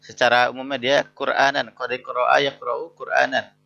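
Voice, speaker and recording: Gravelly male lecturer, lo-fi audio. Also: medium pitch, level tone, sharp tone. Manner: reads Arabic phrases slowly, then explains each one, keeps asking "betul tidak?". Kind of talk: interactive lesson.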